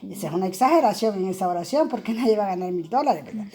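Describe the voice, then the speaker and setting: A woman's voice: mid-range voice, expressive, racing, darkish tone. A woman teacher explaining grammar in a recorded lesson, speaking in an explanatory way with many fillers and tag questions.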